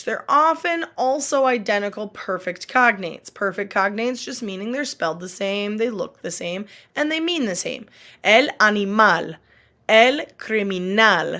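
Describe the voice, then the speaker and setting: A woman gives a recorded online lesson as a teacher, at an ordinary medium pitch. She explains patiently and says each example word slowly and clearly. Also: a bit bright. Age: adult. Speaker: Spanish teacher.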